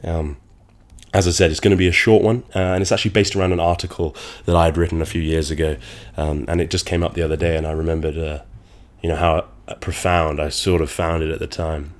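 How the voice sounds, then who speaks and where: A man's voice: sits low, flat delivery, fast. A man with a nasal, congested voice from a cold, hosting a solo podcast in a conversational, wordy and slightly dramatic way. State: getting over a cold. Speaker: podcast host.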